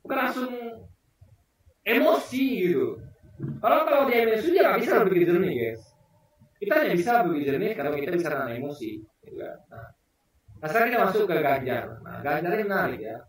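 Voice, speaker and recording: A man with a high voice talks straight to his viewers in a loose, emphatic commentary, throwing out rhetorical questions. He sounds distant from the mic, and the room rings with heavy echo. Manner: emphatic, rhetorical questions, keeps addressing the audience. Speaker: political commentator. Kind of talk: casual spoken commentary to viewers. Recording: very echoey room, voice far from the mic.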